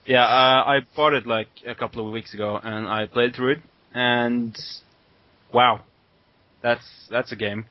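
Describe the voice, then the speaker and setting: A man's voice: mid-range voice, steady tone, unhurried, dry recording. A man co-hosting a podcast in casual chat, enthusiastic and laughing often. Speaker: podcast co-host. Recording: muffled lo-fi audio.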